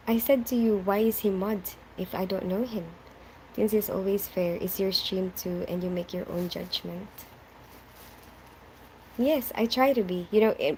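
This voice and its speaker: A young woman raised in the Philippines hosts a casual live stream, chatting, greeting viewers by name, answering their comments and laughing often. Her middle-pitched voice is a little mellow, coming through a home mic with poor audio and faint background noise underneath.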